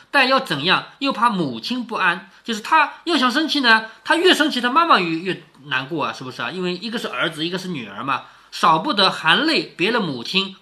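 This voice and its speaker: A man's voice: high voice, pushed and bright. A middle-aged man reading a classic novel aloud to his daughter in a casual way, stopping often to explain and to ask rhetorical questions. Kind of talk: casual read-aloud with commentary.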